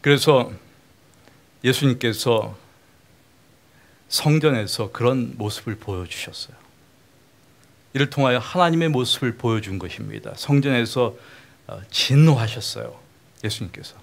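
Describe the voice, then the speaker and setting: A man's voice: medium pitch, moderate pace, gravelly, pauses often. A middle-aged male pastor giving a conversational sermon lecture, often putting questions to the congregation.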